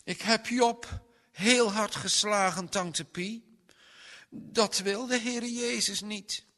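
A man voicing a small, earnest boy in a children's story, with a high childlike voice that speaks emphatically. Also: steady tone, takes it slowly, pushed and bright, in a large hall, exaggerated voice. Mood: contrite.

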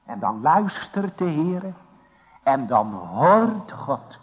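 A man preaching a sermon in a church, solemn and emphatic, asking his listeners rhetorical questions, his loudness rising and falling. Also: on the high side, sing-song, very slow. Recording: lo-fi recording with long church reverb.

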